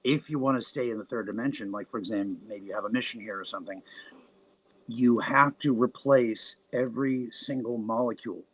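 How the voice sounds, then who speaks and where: A man's voice: mid-range voice, brisk, husky, poor audio. A man on a podcast explaining his ideas earnestly, often restarting his sentences. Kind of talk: casual podcast chat.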